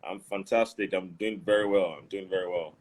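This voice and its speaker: Deep-voiced man hosting a live online chat. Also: fairly even intonation, low-quality recording. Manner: repetitive, upbeat greetings, drawn-out phrasing. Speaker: host.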